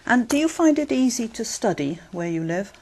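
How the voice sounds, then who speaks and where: A woman examiner asking set questions in a speaking test, measured and clear. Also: fairly high pitch, sing-song, darkish tone. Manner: measured and clear, encouraging murmurs. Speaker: exam interviewer.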